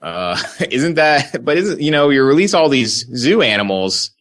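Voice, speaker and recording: A man's voice: mid-range voice, very animated, measured pace, fairly bright tone, low-quality recording. A man co-hosts a casual podcast, teasing his friends and then turning to curious questions. He talks in an easy, conversational way. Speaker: podcast co-host. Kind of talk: casual chat.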